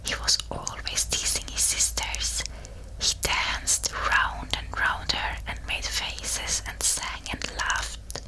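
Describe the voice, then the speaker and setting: A woman whispers an audiobook in an ASMR style, close to a binaural mic. Her breathy whisper is very bright and sibilant, with no voiced tone. She takes the text very slowly and carefully, phrase by phrase. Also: low-quality recording. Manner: slow, soft, deliberate storybook narration. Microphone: close binaural ear-to-ear microphone.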